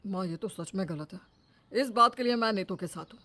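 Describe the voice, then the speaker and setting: A woman's voice: mid-range voice, brisk, background noise, close to an everyday voice. A woman voicing an earnest grown man, a son and husband, in a cartoon story. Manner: earnest, pleading.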